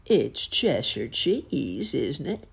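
Grinning smug cat, lady putting it on, playful n friendly, stretches words out slow, croaky husky storybook voice. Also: sits low, big pitch swings, mellow, full character voice. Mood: sly, pleased. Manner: drawn-out, deliberate, playful delivery. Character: smiling, smug, friendly male Cheshire cat.

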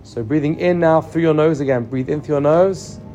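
A man leading a guided meditation with calm, soothing instructions. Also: fairly high pitch, normal speed, faint music behind. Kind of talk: guided meditation and body scan.

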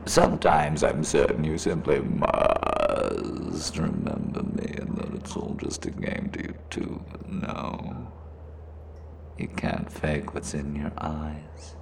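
A man voicing a whispering gravelly cave monster. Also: extremely low pitch, expressive, slight background noise, full character voice. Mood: taunting. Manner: slow menacing whisper, taunting. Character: predatory shapeshifting cave creature, male, cruel and teasing. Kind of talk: audio roleplay.

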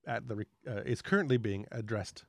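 Calm computer core ai lady, a guy doing her, flat clipped lines, kinda low, dry sound. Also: a little fast, vocal fry, dry recording. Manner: flat, clipped machine phrasing. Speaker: game master.

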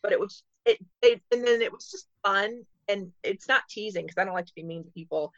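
A playful woman comedian trades stories in a relaxed podcast chat and laughs easily. Her voice sits in a middle pitch and is recorded dry, with a dull, slightly lo-fi sound. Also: a little fast, dry recording. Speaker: comedian guest.

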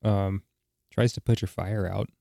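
A man co-hosting a podcast in casual chat, talking in a hesitant, halting way. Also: on the low side, little pitch movement, creaky, dark tone, dry recording, studio quality. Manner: hesitant, halting, with frequent restarts. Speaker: podcast co-host.

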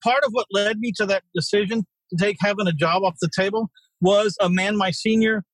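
Husky, high-voiced blunt male guest. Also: fairly even intonation, fairly quick, dry recording, poor audio. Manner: blunt and salty, with mild swearing. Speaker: podcast guest, real estate investor. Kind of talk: casual interview storytelling.

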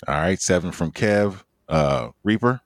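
Male podcast host, deep voice, dry sound, easygoing moderator. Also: unhurried, creaky, no echo. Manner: laughs easily, steady moderating. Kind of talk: casual podcast discussion.

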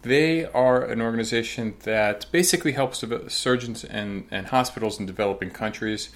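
A man hosting a podcast, introducing his guest and asking questions in a halting way, often repeating words. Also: medium pitch. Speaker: podcast host. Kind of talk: podcast interview.

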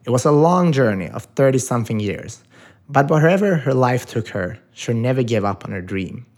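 A man's voice: medium pitch, very animated, normal speed, darkish tone. A man hosting a podcast, introducing his guest and asking questions with eager admiration. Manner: enthusiastic, admiring. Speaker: podcast host. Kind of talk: interview hosting.

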